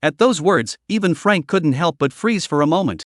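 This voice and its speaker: Lively male story narrator. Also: fairly high pitch, moderate pace, dry recording, clean studio sound. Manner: lively, animated reading.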